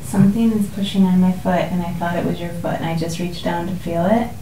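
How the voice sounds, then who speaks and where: A woman's voice: fairly low pitch, steady tone, fairly quick, mellow. A woman on a paranormal investigation, chatting casually with the group and talking to a ghost. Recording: echoey room with clear background noise.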